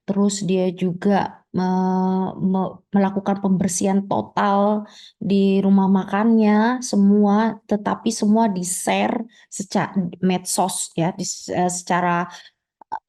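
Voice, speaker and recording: A woman's voice: mid-range voice, flat delivery, slow, warm tone. A woman lecturer explaining with everyday examples in a conversational teaching style, acting out the people involved. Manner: conversational, many fillers and restarts, acts out examples.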